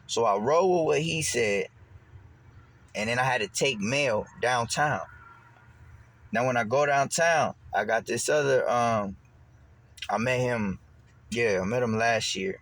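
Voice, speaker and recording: A young man casually recounting a dream, rambling and restarting his sentences, animated whenever he quotes someone. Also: medium pitch, a little slow, long pauses. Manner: rambling, repeats words and restarts, animated when quoting. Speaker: vlogger. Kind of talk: casual storytelling.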